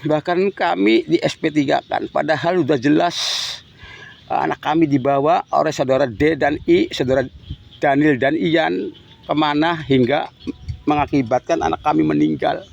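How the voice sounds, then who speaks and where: Grieving middle-aged man, heavily gravelly voice. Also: a little high, moderate pace, darkish tone, dull audio. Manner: pleading, repetitive, ends phrases with "Pak". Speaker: grieving father appealing for justice. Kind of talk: impassioned public appeal to authorities.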